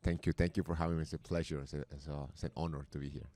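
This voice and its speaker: A man's voice: a bass voice, level tone, racing, warm tone. A man in his forties with a Colombian accent, a podcast guest who often halts and repeats words as he talks. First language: Spanish. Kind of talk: casual interview talk.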